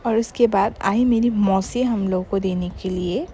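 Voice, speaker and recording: Young woman vlogger, easy chatty voice-over, mellow tone, light English mixing. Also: medium pitch, measured pace, slight background noise. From Bengal, India. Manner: chatty, mixes in English words, many "matlab" fillers. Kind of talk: casual vlog voice-over.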